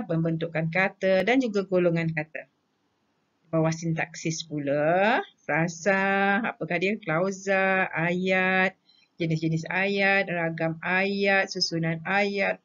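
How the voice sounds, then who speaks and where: A woman teacher with a Malaysian Malay accent talks through a grammar lesson at a measured pace. She sits a little low in her register, lists terms deliberately and answers her own prompts. The recording is dull and lo-fi. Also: fairly bright tone.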